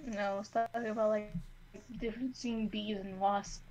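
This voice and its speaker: A young woman chatting casually while drawing, telling stories in an animated, giggly way. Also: medium pitch, brisk, slight background noise, low-quality recording. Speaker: co-host.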